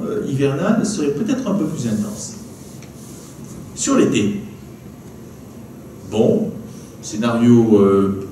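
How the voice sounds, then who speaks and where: Lively southwestern French man lecturing. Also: mid-range voice. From southwest France. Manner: lively, chatty, peppered with "hein" and "d'accord". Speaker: meteorologist giving a public talk. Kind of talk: public lecture with slides. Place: archive building lecture room. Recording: echoey room, from a distance, faint noise.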